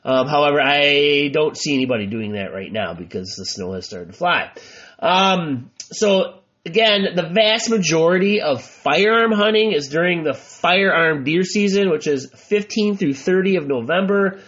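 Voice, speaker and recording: A congested American man hosts a casual podcast in a fairly high-pitched voice. He sounds stuffed up and muffled, with an informal, folksy way of talking. The recording is dull and lo-fi. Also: animated, normal speed, fairly bright tone. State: congested from allergies. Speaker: podcast host. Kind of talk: casual solo podcast talk.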